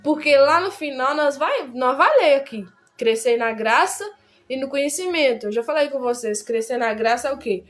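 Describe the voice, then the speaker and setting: A woman gives a casual Bible study. Her voice sits high, and she talks in a chatty, repetitive way, checking in with her listeners often. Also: expressive, moderate pace. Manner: chatty, repeats words, many tag questions. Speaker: Bible teacher.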